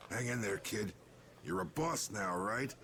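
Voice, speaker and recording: Gruff old guild boss, gravelly. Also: male voice, mid-range voice, expressive, measured pace, background noise. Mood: fatherly, firm. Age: older. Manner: blunt, folksy, weighty. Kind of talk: dramatic video game dialogue. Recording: game audio with loud music.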